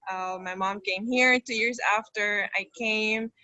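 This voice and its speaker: Bright-voiced effusive woman. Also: mid-range voice, steady tone, measured pace, dry recording, dull audio. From born in Maracaibo, Venezuela, raised in Aruba from age eight. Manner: effusive, repeats words for emphasis. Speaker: interview guest. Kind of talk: casual chat on a video call. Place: open-air beach restaurant at a hotel. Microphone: phone on a video call.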